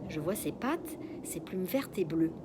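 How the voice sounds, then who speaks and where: A woman's voice: fairly low pitch, animated, measured pace, very noisy. A woman reading her own suspense story aloud in the first person, sometimes dropping to a whisper, with a few restarts after slips. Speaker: author reading her book.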